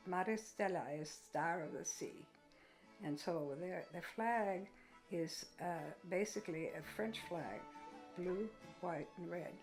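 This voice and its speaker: An older woman, recounting history in a halting, reflective interview style. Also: on the low side, gravelly, low-quality recording. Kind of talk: informal spoken history interview.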